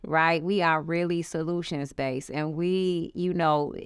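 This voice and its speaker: A woman's voice: low-pitched, flat delivery, smooth, no room sound, clean studio sound. A woman co-founder talking emphatically in an interview, stressing her company's standards. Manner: emphatic, rapid, insistent on values. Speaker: small business co-founder. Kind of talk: conversational interview.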